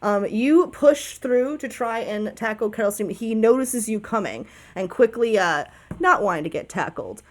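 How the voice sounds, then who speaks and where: A woman game master narrating a tabletop game in a relaxed, rambling way, correcting herself as she goes. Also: on the high side, normal speed.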